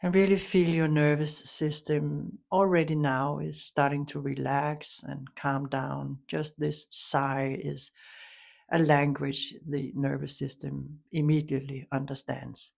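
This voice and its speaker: A woman with a deep, gravelly voice guides a meditation, offering soft instructions calmly and soothingly, taking her time with long pauses.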